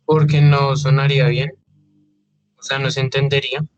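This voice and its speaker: A man's voice: mid-range voice, level tone, normal speed, muffled recording. A male student giving brief answers to his teacher in class.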